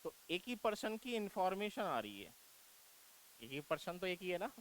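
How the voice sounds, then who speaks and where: A man's voice: high-pitched, big pitch swings, normal speed, slight background noise, rough recording. An Indian man teaching an English grammar lesson for exam prep, coaxing his students with repeated rhetorical questions and calling them "beta".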